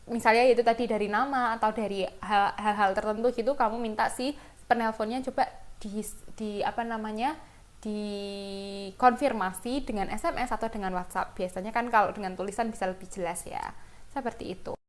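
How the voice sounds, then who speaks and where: A woman's voice: medium pitch, fairly even intonation, moderate pace. A woman in her forties explaining a lesson as a teacher, mixing English phrases into her explanation.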